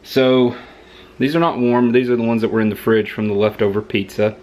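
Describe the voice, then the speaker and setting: A man's voice: medium pitch, fairly even intonation, brisk, darkish tone. A man with a Southern US accent, chatting through a rambling, joking food review at home, talking into a camera mic.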